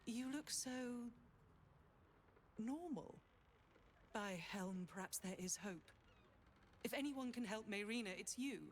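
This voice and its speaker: A valiant, declamatory heroic cleric. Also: female voice, on the high side, takes it slowly, pauses often, slight background noise. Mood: amazed, hopeful. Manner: declamatory, earnest heroic delivery. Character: valiant, pious female cleric, protective and fervent. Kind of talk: fantasy video game acting.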